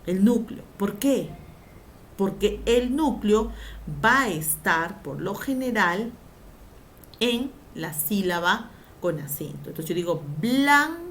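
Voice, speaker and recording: A woman's voice: mid-range voice, expressive, slow pace, a bit bright, slight background noise. A woman teacher giving a grammar lesson, drawing out syllables for emphasis and asking the class questions before answering them herself.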